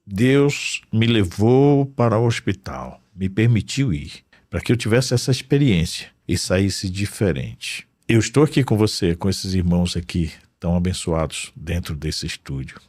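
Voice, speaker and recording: A man giving an emotional faith testimony in a studio, earnest, swinging between loud bursts and hushed low tones. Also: animated, normal speed, few pauses, husky, dry recording.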